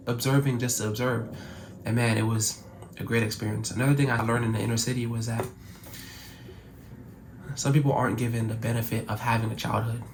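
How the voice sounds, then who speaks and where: A man's voice: mid-range voice, gravelly, a little hiss or hum. A young man from Cameroon whose first language is French, talking earnestly to camera in a casual, reflective way. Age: young adult. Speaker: YouTuber.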